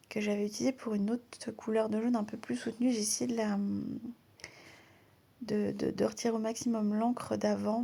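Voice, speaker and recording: Soft-spoken gravelly woman crafter. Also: medium pitch. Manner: chatty, often slipping into a soft half-whisper. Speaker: crafting channel host. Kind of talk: casual crafting voice-over.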